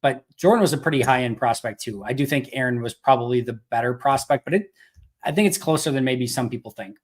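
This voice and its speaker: Casual podcast host, slightly worn voice. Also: male voice, medium pitch, fast talker. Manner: conversational, thinks aloud with restarts. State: losing his voice. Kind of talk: casual live Q&A chat.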